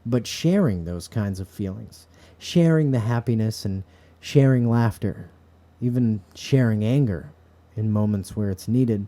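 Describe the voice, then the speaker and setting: Dark-voiced man musing earnestly. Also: fairly low pitch, a little slow. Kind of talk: reflective spoken monologue to camera. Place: bedroom. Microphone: camera set up in front of him.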